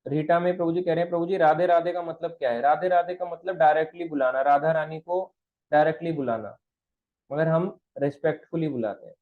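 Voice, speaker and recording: A man leads an online devotional class, his fairly high voice pressing each point home with preachy emphasis. English words slip into his Hindi as he explains and answers viewers. The sound comes through thin and tinny, like a phone line. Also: fairly quick.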